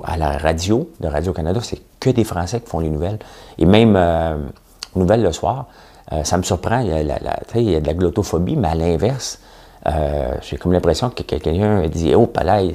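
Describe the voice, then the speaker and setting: Québécois male host, deep dark gravelly voice, loose opinionated monologue with lively swings. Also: a little fast. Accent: Québécois French. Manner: chatty, sarcastic, mimics voices. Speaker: podcast host.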